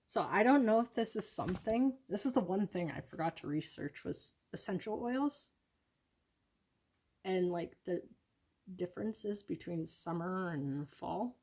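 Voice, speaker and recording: A woman's voice: lowish voice, animated, a little slow, a little mellow, breathy edge. A woman vlogging casually about her product predictions, rambling and correcting herself with many ums.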